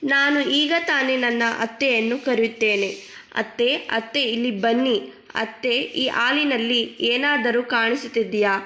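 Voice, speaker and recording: A worried young wife in a cartoon tale, as a woman puts her on, pleading and anxious. The voice sits a little high and stays close to the performer's everyday voice. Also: steady tone, measured pace, pushed and bright. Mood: urgent. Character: young wife fretting over a haunted pot.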